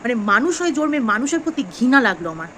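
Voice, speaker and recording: A woman's voice: high voice, big pitch swings, very fast, pushed and bright, a little hiss or hum, poor audio. A woman vlogging straight to camera, earnest and upset, pleading with viewers. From West Bengal, India. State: unwell. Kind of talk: direct-to-camera vlog commentary.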